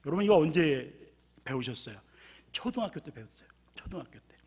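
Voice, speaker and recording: A man's voice: a little high, very animated, a little fast, darkish tone, breathy edge. A man preaching a sermon as pastor, telling stories and acting out the characters' desperate cries. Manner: acts out characters' cries in a raised voice. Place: church sanctuary.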